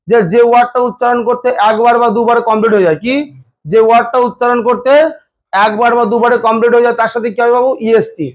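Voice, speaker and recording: High-voiced man teaching a grammar class. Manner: asks the class questions and answers them himself; calls the students "babu" and stretches words out slowly to spell or count syllables. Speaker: English teacher.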